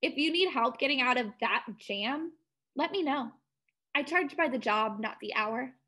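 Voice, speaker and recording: A woman's voice: sits high, expressive, a little slow, pushed and bright, full character voice. A woman voicing a businesslike schoolboy fixer who talks dryly.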